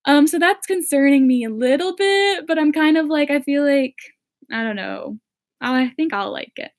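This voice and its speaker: A woman's voice: high voice, animated, moderate pace. A young woman in her late teens answering viewer questions in a casual chat, with lots of "like" and "um" fillers. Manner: chatty, full of "like" and "um" fillers.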